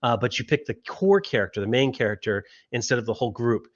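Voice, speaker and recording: A man on a headset, a game designer being interviewed, pitching his game enthusiastically with frequent restarts. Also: fast talker, highs cut off. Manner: enthusiastic, restarts sentences often. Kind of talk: podcast interview.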